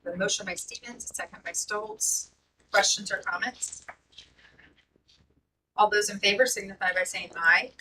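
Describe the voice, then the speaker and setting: A woman presiding over a school board meeting, calling motions and votes in a brisk, procedural way. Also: medium pitch, pushed and bright. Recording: distant mic with faint noise.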